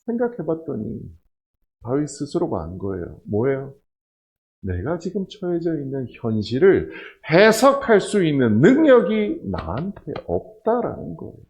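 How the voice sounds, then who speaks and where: A man's voice: on the high side, huge pitch swings, a little slow, a little mellow, muffled recording. A male pastor preaching a sermon, emphatic, asking the congregation questions and answering them himself. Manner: acts out prayers in quoted voices.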